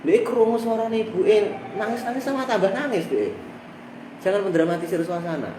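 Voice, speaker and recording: A man with a Javanese accent leads a religious text study in a somewhat high voice, reciting Arabic lines and then explaining them in lively local speech. He sounds far from the mic in a roomy, echoing space with steady background noise. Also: moderate pace. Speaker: religious teacher. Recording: echoey room, heard from a distance with background noise.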